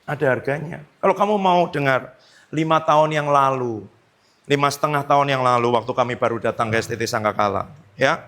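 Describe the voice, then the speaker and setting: Animated Indonesian man preaching. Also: brisk. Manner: animated storytelling, acting out commands in a low voice. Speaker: pastor. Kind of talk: sermon.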